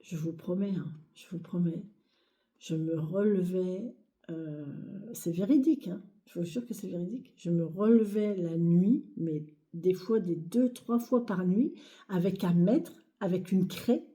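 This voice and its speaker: A woman's voice: lowish voice, measured pace, mellow. A woman giving a weekly tarot reading to camera, speaking to viewers in a reassuring way and hesitating often with fillers and repeated phrases. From France. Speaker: tarot reader.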